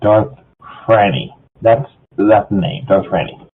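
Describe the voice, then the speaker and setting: An amateur fan fiction reader, a man with a lowish voice, speaks slowly while chatting casually and reading a story aloud to friends. The online voice call sounds muffled and phone-like, with slight background noise.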